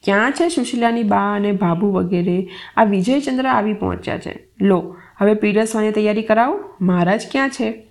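A woman's voice: medium pitch, moderate pace, gravelly, darkish tone, lightly acted. A woman voicing a rich, bossy and hot-tempered older merchant who barks orders and hurls insults. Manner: commanding, barking orders and insults.

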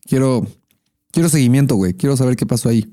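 A man's voice: mid-range voice, quick pace. Mexican man telling a crude story. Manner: swears freely, animated storytelling. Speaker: podcast co-host. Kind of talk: casual crude chat.

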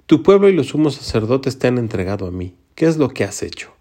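A man's voice: medium pitch, very animated, a little fast, dark tone. Pilate, a man reading as a stern Roman governor.

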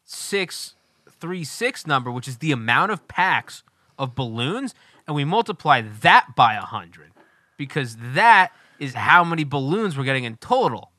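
Casual: young guy on a podcast, bright voice, dry close mic, goofy laid-back storytelling. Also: fairly high pitch, very animated, unhurried, no room sound. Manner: loose, joking storytelling with laughs. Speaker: podcast co-host. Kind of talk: casual chat.

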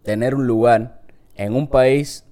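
A Cuban man co-hosting a podcast in casual chat, animated and acting out the voices of people he quotes. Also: mid-range voice, slow pace. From Cuba. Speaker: podcast co-host. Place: Los Angeles.

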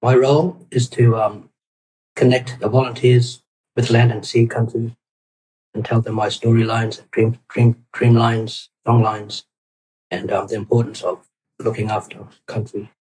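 Halting man, cultural guide. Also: mid-range voice, flat delivery, a little mellow, low-quality recording. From Australia, Torres Strait Islands. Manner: halting, many ums and restarts. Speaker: cultural guide, interview guest. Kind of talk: casual interview answers.

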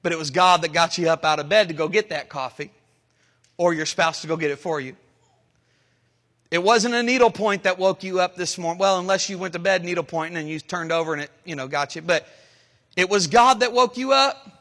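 A pastor in his thirties preaching a sermon, switching between loud shouts and quiet, low asides. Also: a little fast. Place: church sanctuary. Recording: long reverb of a church hall.

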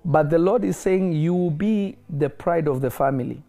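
A man's voice: on the high side, normal speed, vocal fry, mellow. A man delivering a prophetic word to a caller, declaring blessings and often asking if he is listening. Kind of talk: prophetic ministry over a phone call.

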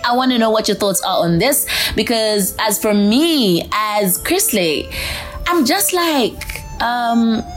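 Chatty Zambian woman hosting a podcast. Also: a little high. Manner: chatty, informal, slips between English and a local language. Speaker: podcast host. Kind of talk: casual solo podcast chat.

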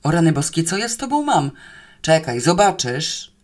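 A woman's voice: low-pitched, sing-song, moderate pace. A woman voicing a flustered middle-aged male guard who hollers down a shaft in exasperation. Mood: dismayed.

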